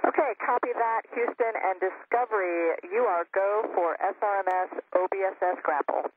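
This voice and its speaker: A woman's voice: mid-range voice, normal speed. A woman working as an astronaut robotics operator, making procedural calls over a radio transmission. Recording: narrow, noisy space radio link.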